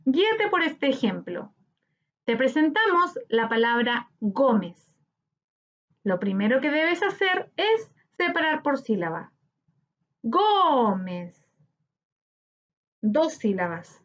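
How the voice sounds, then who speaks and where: A woman teacher with a Chilean Spanish accent, slowly explaining a grammar lesson to children and stretching words out syllable by syllable. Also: sits high, big pitch swings, a bit bright. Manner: slow, clear, syllable-by-syllable teaching delivery. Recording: slightly dull lo-fi audio.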